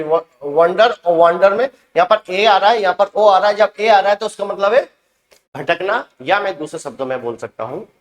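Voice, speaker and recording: A man teaching English to Hindi speakers, who reads out each verb with its meaning and repeats every past form twice in a slow drill. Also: high voice, echoey room. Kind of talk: spoken vocabulary drill.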